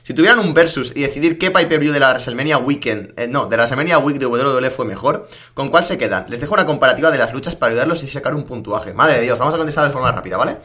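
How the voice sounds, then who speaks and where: A man hosting a casual podcast, talking quickly and energetically as he reads out listener questions. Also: mid-range voice, animated, bright, forceful tone, slightly rough. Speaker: podcast host. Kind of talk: casual wrestling podcast chat.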